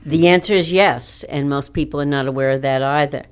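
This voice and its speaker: Low-voiced woman podcast guest. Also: fairly quick, clear, resonant tone. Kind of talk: podcast interview.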